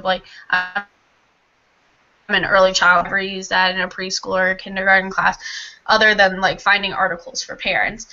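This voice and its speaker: Sex: woman. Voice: bright and sharp. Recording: lo-fi video call. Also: mid-range voice. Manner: chatty, frequent "like". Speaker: early childhood education student. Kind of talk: casual online group discussion.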